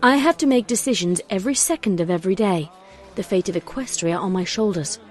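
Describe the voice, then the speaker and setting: A woman's voice: medium pitch, animated, brisk, natural voice. A woman playing a regal, burdened pony princess of the night in an audio drama, stately and formal. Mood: weary, tender.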